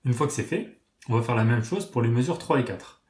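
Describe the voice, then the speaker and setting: A man's voice: medium pitch, lively intonation, fairly quick, darkish tone. Patient male piano teacher in a roomy space. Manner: patient, methodical explaining, counting notes aloud. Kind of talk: step-by-step piano tutorial. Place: room with a piano. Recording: roomy echo.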